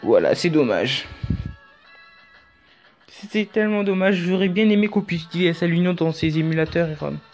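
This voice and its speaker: Here a YouTube tutorial host speaks fairly quickly in a slightly high, darkish voice with lively intonation, though he leaves long pauses. His casual walkthrough is chatty and meandering, peppered with jokey asides, over dull lo-fi audio and faint music.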